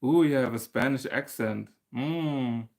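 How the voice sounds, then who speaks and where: A man from Germany who hosts a crochet channel goes through viewer comments on a laid-back livestream, with frequent laughter and restarted sentences. His medium-pitched voice is darkish and a little slow.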